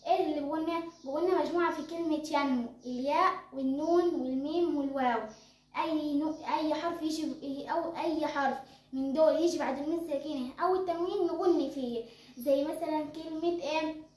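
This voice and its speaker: A woman's voice: high-pitched, fast talker, a little mellow, roomy sound. A young girl with an Egyptian accent explaining tajweed rules as a teacher, asking and answering her own questions. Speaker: Quran recitation teacher.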